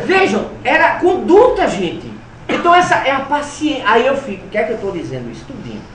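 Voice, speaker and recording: Animated male lecturer. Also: very high voice, a little fast, slight background noise. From Alagoas, Brazil. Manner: animated, humorous storyteller with dramatic swings in loudness. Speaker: spiritist lecturer. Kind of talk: spiritist lecture with personal anecdotes. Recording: roomy hall, voice from a distance, faint ambience.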